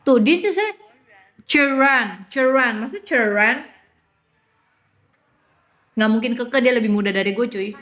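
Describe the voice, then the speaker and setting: A woman's voice: on the high side, lively intonation, moderate pace, long pauses. A woman with a Jakarta accent chatting casually on a phone live stream, teasing her viewers and trying out words again and again. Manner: repeats words again and again while trying out pronunciations. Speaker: social media influencer.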